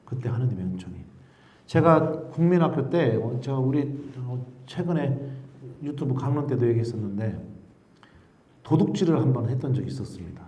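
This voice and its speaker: A middle-aged male priest preaches in a casual, storytelling way, now and then acting out voices. He sounds a little distant from the mic, and the room gives an echo. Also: mid-range voice. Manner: animated storyteller, acts out shouted quotes. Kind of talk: sermon with a personal story.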